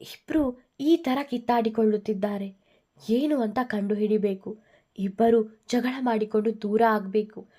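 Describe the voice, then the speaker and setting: A woman voicing a scheming older woman who quietly plots against the couple. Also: on the high side, a little slow.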